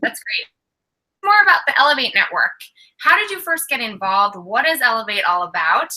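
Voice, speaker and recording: Woman host, eager and upbeat, very bright tone. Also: fairly high pitch, sing-song, moderate pace, rough recording. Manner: upbeat, enthusiastic. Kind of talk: live interview show.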